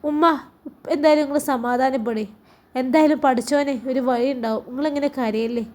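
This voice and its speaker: A woman voicing a grown son who calmly reasons with his mother, in a Malappuram Malayalam accent. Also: high voice, brisk, close to an everyday voice. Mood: reassuring.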